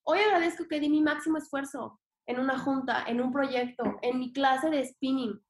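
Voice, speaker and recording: A young adult woman with a Mexican accent, a podcast guest chatting casually in an expressive, slangy way and acting out her inner voice. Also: high-pitched, normal speed. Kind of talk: casual conversation. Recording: echoey room.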